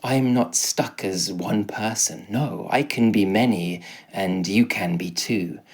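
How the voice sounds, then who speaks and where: A man's voice: on the low side, slow pace, husky, heavily acted. A man doing a kindly old shape-shifting guide. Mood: serene.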